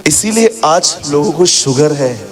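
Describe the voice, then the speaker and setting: A man preaching a sermon as a pastor in a church, animated and sometimes shouting, mixing English phrases into his talk. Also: a little high, a little slow, crowd noise. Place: church hall with congregation.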